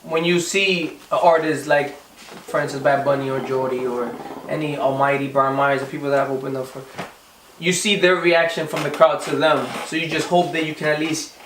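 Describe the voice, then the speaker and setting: A man's voice: a little high, steady tone, moderate pace, reverberant, recorded from a distance, noisy background. A young man from the Dominican Republic, a singer answering interview questions casually, often restarting and repeating words. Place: recording studio.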